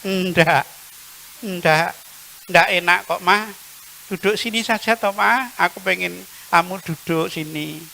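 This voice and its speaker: A man voicing a sick, gentle husband who pleads softly in a lowered voice. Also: takes it slowly, creaky, pauses often, a little hiss or hum, heavily acted, low-quality recording. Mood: pleading. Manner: soft, lowered voice.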